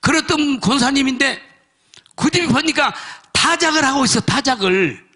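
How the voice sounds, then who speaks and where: A middle-aged man preaching a sermon, telling a testimony with strong emotion and rising to shouts. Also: very high voice, lively intonation, moderate pace. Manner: emotional storytelling, swells to shouts. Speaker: pastor.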